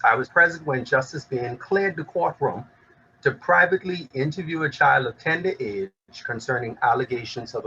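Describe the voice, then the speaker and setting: A man in his thirties, a child rights lawyer giving an earnest, measured prepared speech and stressing key words. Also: mid-range voice, bright, forceful tone, slightly rough. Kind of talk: prepared speech at a law event. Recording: slightly dull recording with faint background noise.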